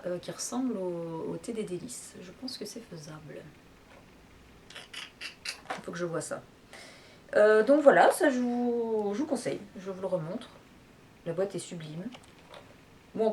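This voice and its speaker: A woman's voice: medium pitch, a little mellow, a little hiss or hum. A woman with a French accent chatting casually about teas she bought, hesitating and restarting often. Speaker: tea vlogger. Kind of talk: casual product review chat.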